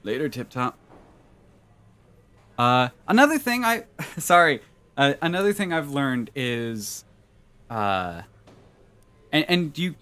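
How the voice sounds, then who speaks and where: A man streaming a video game, talking casually in a rambling way and filling his pauses with "uh", with his pitch jumping up when he gets excited. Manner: rambling, many "uh" fillers. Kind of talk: casual let's-play commentary.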